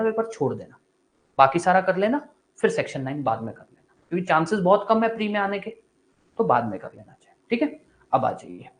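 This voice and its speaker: A man's voice: fairly high pitch, a little hiss or hum. A male law teacher giving a live online class, asking questions and answering them himself in a casual, encouraging way. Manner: casual and encouraging, mixes Hindi with English terms.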